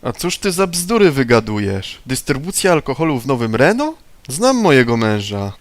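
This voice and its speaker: A prim, indignant temperance lady from a video game, read out by a man who only lifts his voice a little. The sound is dry and close, with no room around it. The voice stays at a middling pitch, just somewhat raised and pushed. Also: big pitch swings, normal speed, no echo. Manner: reads a woman's lines aloud, a little higher and louder. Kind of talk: reading game dialogue aloud.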